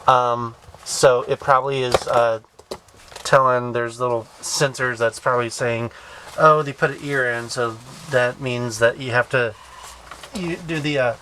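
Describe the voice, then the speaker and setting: A man's voice: mid-range voice, fairly even intonation, measured pace, sharp tone, a little hiss or hum, poor audio. Hesitant man reviewing toys. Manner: hesitant, many fillers and restarts, thinking aloud. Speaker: toy reviewer. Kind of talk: casual product review.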